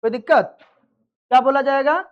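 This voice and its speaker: High-voiced woman teaching grammar. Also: moderate pace, highs cut off. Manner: quizzes students, repeats answers, checks understanding. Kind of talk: live classroom lesson.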